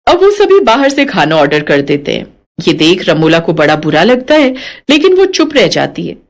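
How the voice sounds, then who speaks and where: A woman narrating a family story in an even storytelling manner. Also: on the low side, moderate pace.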